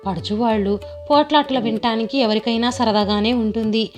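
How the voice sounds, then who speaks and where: A woman's voice: on the high side, fairly even intonation, fairly quick, soft background music. A woman narrating a family story as a storyteller.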